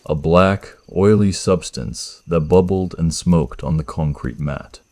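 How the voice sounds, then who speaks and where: A man narrating a first-person horror story in a tense, measured scripted style. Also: low voice, a little mellow, no room sound, studio quality.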